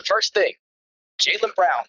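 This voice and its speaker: A man calling in to a casual sports chat while walking, his phone line breaking up as he rambles excitedly. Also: sits high, slow pace, no room sound. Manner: excited, rambling fan talk. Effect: phone call breaking up and cutting out. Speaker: caller. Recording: muffled dry phone line.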